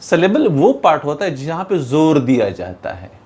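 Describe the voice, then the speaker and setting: Man teaching English with lively pitch. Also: slightly rough. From Pakistan. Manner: reads English slowly and explains in Urdu-Hindi; addresses pupils as "beta", repeats "theek hai". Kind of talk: bilingual classroom lesson.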